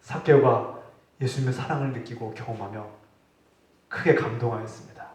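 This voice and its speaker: A man's voice: medium pitch, moderate pace. Brief: earnest male pastor delivering a sermon, rising and falling in emphasis, captured from a distant mic in a big echoey church. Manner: earnest preaching, voice rising for acted rebukes, dropping for quiet points. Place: church sanctuary.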